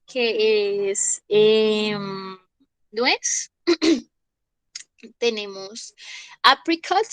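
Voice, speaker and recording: A young woman, teaching an English vocabulary class online. She goes slowly, says each word twice and checks in with the class. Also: fairly high pitch, fairly bright tone, dry recording. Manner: slow, repeats each word and asks "¿listo?".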